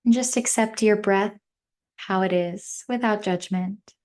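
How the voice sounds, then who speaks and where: A meditation teacher talks listeners through a session at a very slow pace, her voice medium in pitch. She keeps her guidance gentle and brief, with measured phrasing and long silences in between.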